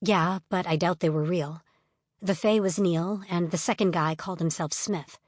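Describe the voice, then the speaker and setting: A young woman heroine who answers questions curtly and defensively, read by a woman narrator. Her voice sits a little low and sounds dry and close. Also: steady tone, normal speed, dry recording, lightly acted. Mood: matter-of-fact. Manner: snappish, defensive replies. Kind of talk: audiobook character voice.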